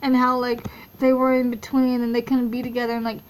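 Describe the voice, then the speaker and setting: A woman's voice: on the high side, completely flat delivery, fairly quick, heavy background noise. A young woman reading through a story game aloud, breaking off for blunt, profane, joking asides. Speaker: game reader. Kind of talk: casual game readthrough with commentary.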